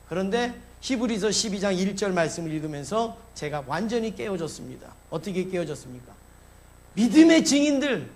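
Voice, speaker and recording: A male pastor preaching a Sunday sermon, emphatic, asking the congregation questions and answering them himself. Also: high voice.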